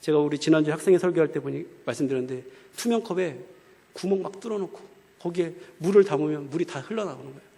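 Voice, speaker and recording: A man's voice: fairly high pitch, quick pace, creaky, warm tone, husky. A male preacher giving a conversational sermon and often asking the congregation rhetorical questions. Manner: asks the crowd rhetorical questions, colloquial. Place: church hall. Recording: long echo of a church hall.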